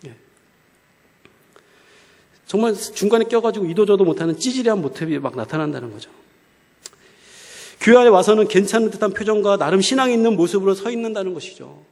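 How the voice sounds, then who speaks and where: A man's voice: on the high side, a little mellow. A male preacher giving a conversational sermon and often asking the congregation rhetorical questions. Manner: asks the crowd rhetorical questions, colloquial. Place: church hall. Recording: long echo of a church hall.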